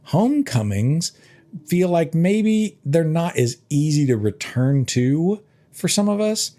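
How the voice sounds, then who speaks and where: A man from Tennessee who teaches high school English, talking through a reading assignment in an earnest, animated podcast monologue with big swings in pitch for emphasis. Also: slow pace.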